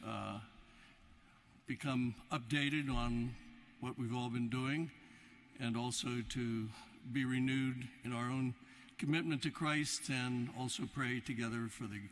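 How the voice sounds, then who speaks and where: An older cleric, a man, giving a formal welcome in a halting way with frequent uhs, in a reverberant basilica. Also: mid-range voice, fairly bright tone. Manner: halting, frequent uh between phrases. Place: large stone basilica, at the ambo. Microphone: lectern microphone. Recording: reverberant basilica, faint noise.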